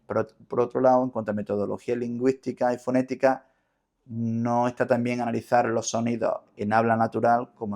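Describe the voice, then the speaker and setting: A man's voice: medium pitch, vocal fry, darkish tone. A man with an Andalusian Spanish accent explaining things didactically as a linguist in an interview, often repeating words as he searches for the next. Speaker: linguist guest.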